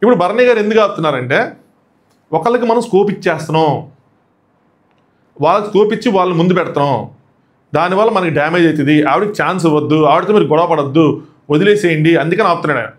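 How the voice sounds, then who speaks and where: A man reviewing a reality show live, quickly retelling an argument and acting out the quoted lines as he goes. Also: on the high side, animated.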